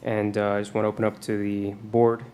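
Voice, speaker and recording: A man's voice: lowish voice, completely flat delivery, brisk, a little mellow. A man speaking as a mayor chairing a formal public meeting, heard over a meeting room microphone. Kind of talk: formal meeting procedure and remarks. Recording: meeting room mic with clear background noise.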